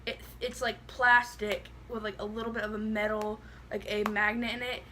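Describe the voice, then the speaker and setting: A woman's voice: mid-range voice, level tone, normal speed, sharp tone, a little hiss or hum. A woman with a lisp that makes her s sound slushy, chatting casually and bluntly through a product review, rambling with lots of "like". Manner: blunt, rambling, heavy use of "like".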